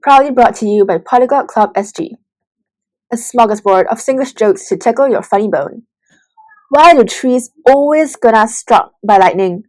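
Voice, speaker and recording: A woman's voice: a little high, moderate pace, poor audio. Woman presenting Singlish jokes. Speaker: host. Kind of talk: scripted joke telling with Singlish phrases.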